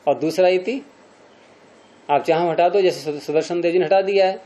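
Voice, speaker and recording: A man's voice: high-pitched, moderate pace, dark tone. A man teaching a classroom lecture on Sanskrit grammar, explaining step by step and quizzing his students as he goes.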